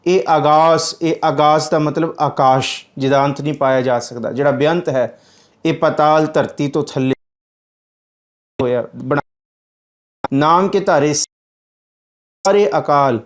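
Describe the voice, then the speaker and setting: Slow-reciting man expounding scripture. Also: on the high side, steady tone. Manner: recites verses slowly, then explains in plain speech. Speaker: scripture commentator. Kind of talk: religious scripture exposition.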